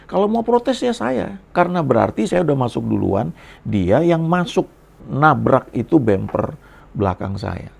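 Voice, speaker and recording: A man's voice: medium pitch, big pitch swings, unhurried, vocal fry, darkish tone, slightly rough. A middle-aged man, a pastor, telling a personal testimony in a sermon, speaking in a conversational storytelling way with frequent tag words.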